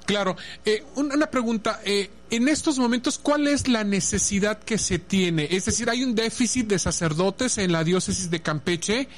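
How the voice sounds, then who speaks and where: A man's voice: high voice, moderate pace, few pauses. A man interviewing a priest, asking a question and then rephrasing it. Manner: asks questions, rephrases them.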